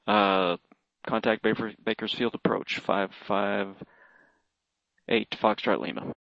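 A man speaking as a pilot making aviation radio calls to air traffic control, with halting, hesitant phrasing. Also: fairly low pitch, steady tone, creaky, dry recording. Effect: aviation radio transmission. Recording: dull, narrow radio-band sound.

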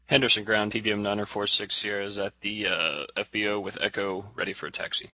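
A man's voice: on the low side, fairly even intonation, fast, bright, forceful tone, no room sound. A man speaking as a pilot, making short procedural radio calls. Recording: dull lo-fi radio audio.

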